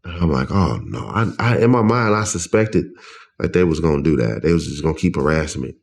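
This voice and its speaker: A man with a very low, deep voice tells his personal story in an interview. He speaks with strong emotion, halting and restarting as he goes. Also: lively intonation, creaky, a little mellow. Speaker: guest.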